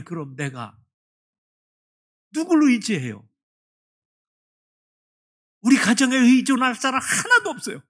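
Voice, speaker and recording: A pastor doing a worn-out middle-aged deaconess who cries out her complaints in a high, rising voice that swings widely. The tone is husky, with a gravelly edge. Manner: plaintive, pleading outbursts.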